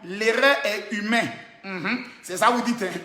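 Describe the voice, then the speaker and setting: A man in a boastful, taunting video rant, shouting and half singing his jeers. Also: high voice, unhurried. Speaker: social media influencer. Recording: echoey room.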